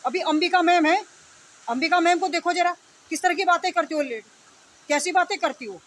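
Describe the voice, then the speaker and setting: A woman's voice: very high voice, moderate pace. A woman delivering an unscripted, indignant rant, scolding and confronting her opponents with repeated phrases and rhetorical questions. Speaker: online video commentator. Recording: steady background noise.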